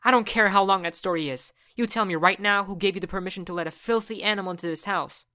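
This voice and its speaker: A woman voicing a furious, strict middle-aged mother who scolds harshly and shouts. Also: mid-range voice, fast talker, lightly acted. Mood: angry.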